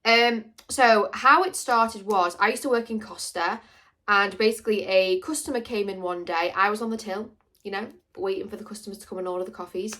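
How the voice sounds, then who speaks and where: A woman's voice: mid-range voice, fairly quick, bright, forceful tone. A young woman chatting casually to camera in a rambling, jokey Q&A. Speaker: vlogger.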